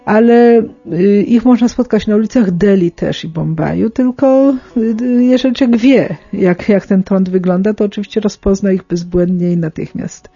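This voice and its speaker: A middle-aged woman speaking unscripted in a radio interview, explaining in a halting way and often correcting herself. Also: medium pitch, warm tone, slightly rough, no room sound, dull audio. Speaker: interviewed aid worker among lepers in India.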